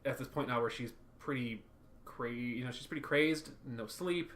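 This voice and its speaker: A man's voice: mid-range voice, moderate pace, slight background noise. A man co-hosting a podcast, chatting casually and at length about a cartoon episode, acting out lines from it. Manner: rambling, animated, acts out quotes. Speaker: podcast co-host.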